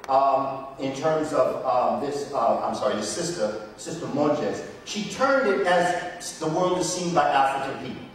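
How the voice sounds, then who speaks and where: A man's voice: a little high, a little hiss or hum. A man giving a passionate, preacherly history lecture, emphatic and repeating words for effect, recorded from a distance in a large hall. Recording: echoey hall, recorded from afar.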